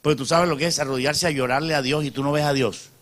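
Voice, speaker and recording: A male pastor preaching a sermon, calling out amen and asking the congregation rhetorical questions, dropping to soft asides and rising to loud emphatic peaks. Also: fairly high pitch, fairly even intonation, fast talker.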